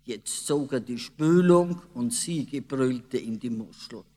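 A man narrating a children's story in a slow, expressive way. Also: medium pitch. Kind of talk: storybook reading. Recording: long reverb.

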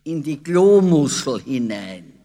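A man voicing a lively, cheeky young girl who talks in an insistent, know-it-all way. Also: on the high side, slow pace, pitched above the performer's own voice. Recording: long reverb.

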